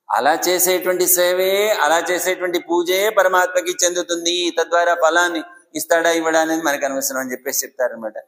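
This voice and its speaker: Male preacher, devotional sermon, asks listeners questions, slightly high voice, recorded in a reverberant temple hall. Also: a bit bright. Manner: storytelling, asks the audience questions. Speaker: religious discourse speaker.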